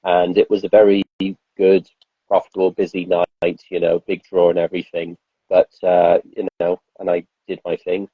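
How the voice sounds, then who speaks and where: A man with a deep, husky voice chats casually as a podcast host, rambling through lots of fillers and restarts. The sound is dull and lo-fi, recorded dry and close. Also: level tone, normal speed, no room sound. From Wales. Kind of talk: casual chat.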